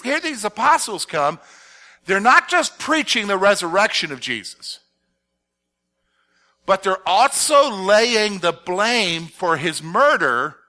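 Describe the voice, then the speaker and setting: Man, pastor, expository sermon, high voice, animated, asks the audience questions. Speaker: pastor teaching a Bible study.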